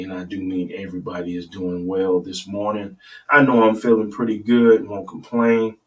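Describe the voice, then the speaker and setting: Male host, low early-morning radio voice, relaxed live sports chat, sits a bit off the mic. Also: far from the mic, low-quality recording. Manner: relaxed, talks straight to viewers, asks for comments. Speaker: sports talk show host.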